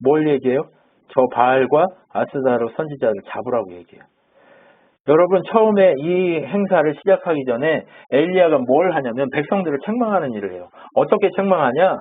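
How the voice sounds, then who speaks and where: A man's voice: a little high, lively intonation, a little fast, husky. A man preaching a sermon as pastor, chatting with his congregation, asking them questions and acting out the quotes he tells. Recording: phone-like narrow band.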